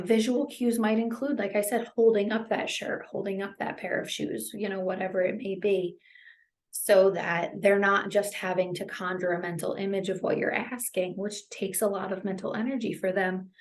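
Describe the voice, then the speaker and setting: A woman's voice: mid-range voice, darkish tone. Woman giving a conversational caregiving talk. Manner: conversational, reassuring, many fillers.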